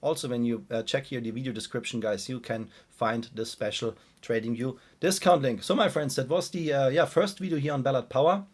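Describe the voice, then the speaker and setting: A man's voice: mid-range voice, brisk, few pauses, slightly rough. A man with a weak voice gives informal chart commentary as a video host, repeating phrases and often addressing listeners directly. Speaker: host of a stock analysis video channel.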